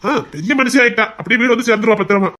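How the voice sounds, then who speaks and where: Man playing a fast-talking teasing village husband with a Tirunelveli accent. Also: very high voice, pushed and bright. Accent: Tirunelveli Tamil. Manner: teasing, quick, fussing. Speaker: actor in a family web drama. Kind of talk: village family drama acting.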